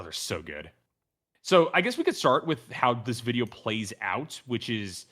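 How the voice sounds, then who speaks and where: A man's voice: lowish voice, a bit bright. A man hosting a casual review discussion, talking in an earnest, enthusiastic, wordy and analytical way. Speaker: podcast host.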